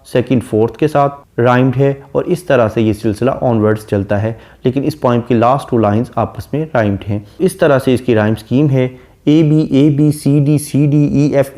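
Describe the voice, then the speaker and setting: A man with a dark, mellow voice delivers a classroom lecture on poetry. He reads English verse slowly and deliberately, then explains each line in a calm, steady teaching tone. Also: mid-range voice. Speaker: literature lecturer.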